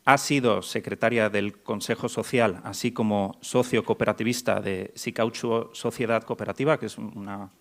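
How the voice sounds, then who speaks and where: A man from Mexico moderating a medical conference panel, introducing speakers with frequent restarts and hesitations. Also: on the low side. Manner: hesitant, many restarts and fillers. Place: conference hall.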